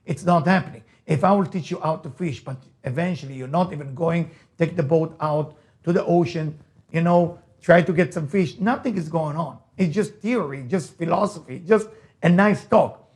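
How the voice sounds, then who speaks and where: A rabbi who works as a motivational speaker and teacher gives an emphatic lecture, repeating key phrases and asking rhetorical questions. He is a native Hebrew speaker with an Israeli accent, and his voice is on the high side, darkish in tone, at a moderate pace.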